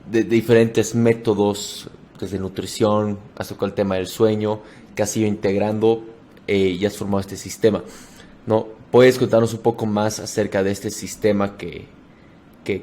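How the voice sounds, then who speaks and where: Flat, low-voiced male podcast host. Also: a little hiss or hum. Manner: conversational, short affirmations. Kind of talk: interview questions.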